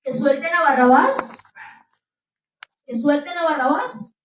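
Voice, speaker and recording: Woman preacher doing an angry mob chanting demands, high voice, echoey. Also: big pitch swings, slow pace, a little hiss or hum, full character voice. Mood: demanding. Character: angry shouting crowd demanding death. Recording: echoey room, distant mic.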